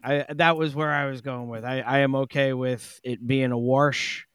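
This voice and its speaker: A man's voice: medium pitch, steady tone, moderate pace, fairly bright tone, clear, resonant tone, no echo, clean studio sound. A man co-hosting a podcast in casual chat, giggly and easily sidetracked. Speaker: podcast co-host.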